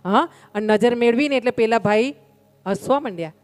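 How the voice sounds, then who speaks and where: A woman's voice: on the high side, a little fast, soft background music. A woman giving a devotional sermon, telling a story in a conversational, humorous way and speaking directly to her listeners. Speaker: religious storyteller.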